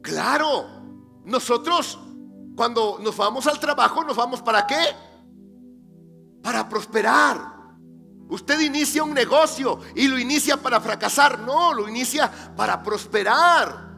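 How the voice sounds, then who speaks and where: High-voiced pastor preaching slowly. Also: male voice, animated, creaky. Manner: asks the congregation rhetorical questions and answers them himself; rises to emphatic, near-shouted declarations. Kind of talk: sermon. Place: church sanctuary. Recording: reverberant church hall with faint music.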